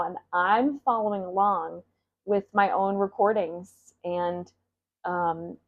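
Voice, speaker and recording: A woman's voice: fairly low pitch, creaky, a little mellow. A woman talking candidly and with emotion to her audience, laughing and swearing now and then. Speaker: self-help creator. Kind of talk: casual motivational talk to camera. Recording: slightly dull lo-fi audio.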